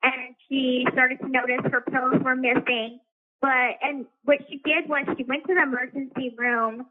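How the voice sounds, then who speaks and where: A woman speaking from a prison payphone call, talking in a hesitant, rambling way with many fillers. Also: sits high. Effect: prison payphone call over a tinny phone line. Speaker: inmate calling from a correctional facility. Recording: tinny phone line.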